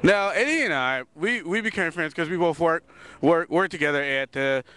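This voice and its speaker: A man's voice: on the high side, moderate pace, a bit bright, clean tone. A man hosting a casual talk show recorded outdoors in a city park, loose and repeating words as he thinks. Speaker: host.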